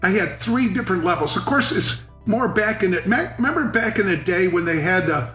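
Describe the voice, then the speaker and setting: A man's voice: high-pitched, a little fast, roomy sound, soft background music. A middle-aged man telling funny travel stories in casual conversation, laughing often and acting out the people in them. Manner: animated storyteller, laughs often, acts out voices. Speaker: podcast guest. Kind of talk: casual storytelling.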